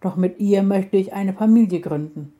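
Woman reading a caring male storybook dragon, calm and soft, mellow voice. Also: medium pitch, normal speed, lightly acted. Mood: reassuring. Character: gentle protective male dragon.

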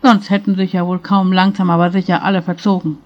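A woman's voice: fairly low pitch, little pitch movement, fast, muffled recording, natural voice. A woman voicing a lonely, sad divorced woman who speaks in a resigned, downcast way in a storybook reading.

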